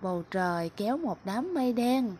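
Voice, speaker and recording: A woman's voice: fairly high pitch, normal speed, slight background noise. Woman teacher telling a children's story. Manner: clear, expressive storytelling. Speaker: preschool teacher.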